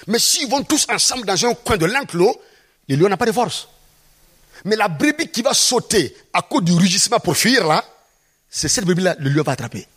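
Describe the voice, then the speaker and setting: A man's voice: sits high, big pitch swings, normal speed, a bit bright, slightly rough. A man preaching a sermon, emphatic and often putting questions to the congregation.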